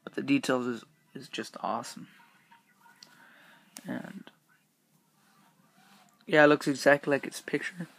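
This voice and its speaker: A man's voice: medium pitch, a little slow, vocal fry, pauses often, fairly bright tone, breathy edge, no echo. A young man reviewing a Halloween mask in a casual, rambling way, talking through the rubber mask he is wearing. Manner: rambling, filler-heavy, upbeat. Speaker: YouTube reviewer.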